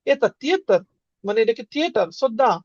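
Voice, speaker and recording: A man's voice: very high voice, sing-song, a little fast, no room sound. A man leads a casual online class. He is patient and repeats each word for his students. The audio is dull and lo-fi, with a dry sound. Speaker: language teacher.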